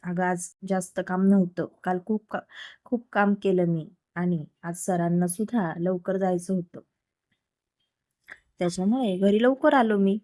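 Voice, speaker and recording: Narrator woman reads playful young husband, teasing tone, low mellow voice. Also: steady tone, a little slow, no room sound, studio quality, close to an everyday voice. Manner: teasing, affectionate.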